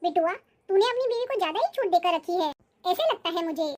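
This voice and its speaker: Woman doing a bossy old cartoon granny, awadhi-ish hindi, very high shrill scolding voice. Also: animated, a little fast, a little mellow. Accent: Awadhi-tinged Hindi. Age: older. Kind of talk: cartoon voice acting.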